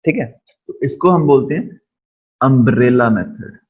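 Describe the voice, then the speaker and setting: Male physics teacher, live online class, slow deliberate delivery, frequent check-ins with students. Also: mid-range voice, animated. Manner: speaks deliberately slowly, checks in with students often. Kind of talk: live online lesson, mixing Hindi and English.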